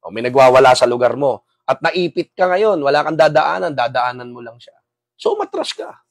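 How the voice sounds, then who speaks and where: A man hosts a live-stream talk, speaking in an earnest, preachy way and peppering his lines with quick tag questions to his audience. His voice sits in a middle range. The sound is close and dry, with no room echo. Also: mid-range voice. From Samar, Philippines. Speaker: host of a gun-owner talk show. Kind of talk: live-stream talk to viewers, reading comments.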